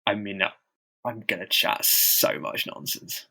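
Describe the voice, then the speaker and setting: A man's voice: lowish voice, fairly even intonation, slow, sharp tone, husky. Chatty man who stammers. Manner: stammers, with blocks and repeated sounds; loose and chatty, with lots of fillers and self-deprecating asides. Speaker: podcast co-host. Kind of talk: casual chat.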